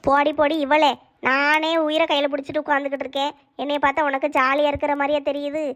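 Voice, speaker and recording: A woman's voice: sits high, little pitch movement, fast, a bit bright, lo-fi sound. A woman doing a grumbling old grandmother. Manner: complaining, scolding.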